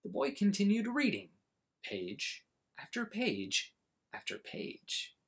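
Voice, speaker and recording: A man in his forties reading a children's storybook aloud, with dramatic, exaggerated emphasis and pauses. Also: high-pitched, huge pitch swings, vocal fry, fairly bright tone, husky. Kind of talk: animated storybook read-aloud.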